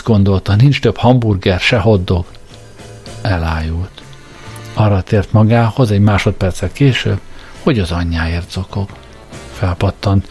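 A man narrating a serialized story in a low, mellow voice, steady and measured. He reads like a radio host presenting the evening's episode. Soft music plays faintly beneath him. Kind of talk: scripted narration, serial reading.

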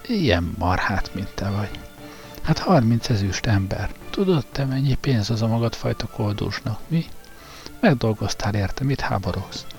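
A man's voice: on the low side, animated, soft background music. A man voicing a brutal, mocking male guard who taunts and threatens coarsely in an audiobook reading.

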